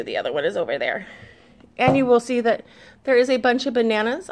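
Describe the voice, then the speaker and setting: A woman in her thirties chats easily to camera about things she bought, reading labels aloud as she goes. Her voice sits a little high, with a gravelly fry running through it. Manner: chatty, reads labels aloud, easygoing. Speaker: vlogger mom showing a shopping haul. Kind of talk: casual chat to camera.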